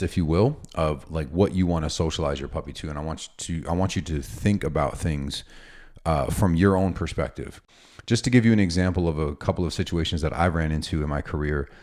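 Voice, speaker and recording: A dog trainer with an extremely deep voice talks casually, explaining things in a relaxed, instructive way with examples and side remarks.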